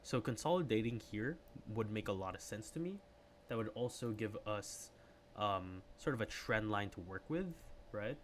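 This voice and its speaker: A man hosting a live trading stream, casually walking through chart analysis and reacting to his chat in excited bursts. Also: fairly low pitch, moderate pace, slight background noise. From Philippines. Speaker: livestream trading host.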